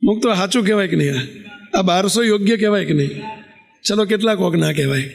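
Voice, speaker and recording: A man, a swami giving a sermon and putting animated rhetorical questions to his congregation. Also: sits high, fast talker, creaky. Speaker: swami giving a religious discourse.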